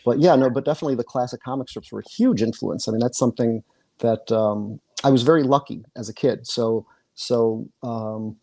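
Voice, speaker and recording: A middle-aged man from Michigan chats as an interview guest over a video call. His voice is dark and mellow, recorded dry with no room sound. He circles his points with lots of restarts and filler. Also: mid-range voice, brisk, no room sound. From Michigan, USA. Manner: chatty, many restarts and repeated words. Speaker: guest comic artist. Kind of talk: casual interview. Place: home room with bookshelves.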